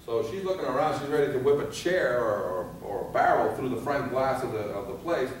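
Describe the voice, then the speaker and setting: Brisk and expressive, a man with a mid-range voice leads a firefighter class as their fire safety instructor. He repeatedly quizzes the room, answers his own questions, and acts out scenarios in varied voices. The live recording sounds far away and echoey, with some background noise.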